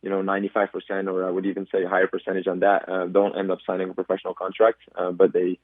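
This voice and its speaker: On a tinny phone line, this twenty-something Belgian soccer player answers radio interview questions very fast, in a low and completely flat voice. He is thoughtful but keeps umming and restarting. No room sound is audible.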